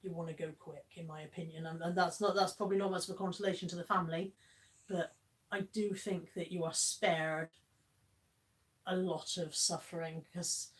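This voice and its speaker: A woman with a fairly low, steady voice hosts a live stream at a normal speed, chatting casually and bluntly, reading out viewer comments and laughing often. Her voice sounds somewhat far from the mic.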